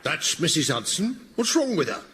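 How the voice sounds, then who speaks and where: A man's voice: fairly high pitch, big pitch swings, normal speed, fairly bright tone, a little hiss or hum. A man playing a sarcastic male police inspector in a comic radio play. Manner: sarcastic, mocking.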